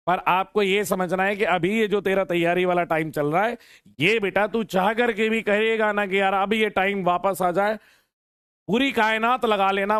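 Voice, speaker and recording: A man addresses his exam students as their teacher, earnest and a little scolding but caring underneath, hammering points home by repeating them. His voice sits fairly high and sounds clean and resonant. The recording is dry, with no room echo. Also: fairly bright tone, clear, resonant tone. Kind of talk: motivational talk to exam students.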